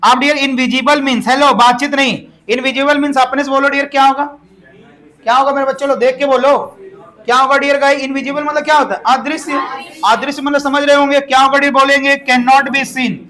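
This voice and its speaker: A man's voice: extremely high pitch, fairly even intonation, fast, sharp tone. A middle-aged man giving a classroom lecture, repeatedly asking his students questions and drawing out words. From India. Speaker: English teacher.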